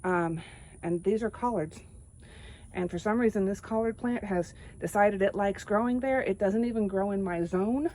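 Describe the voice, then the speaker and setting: A woman from East Texas strolls through her backyard garden, out of breath, explaining things step by step in a plain, casual way. Her mid-range voice is a little mellow and moves at normal speed, but the audio quality is poor.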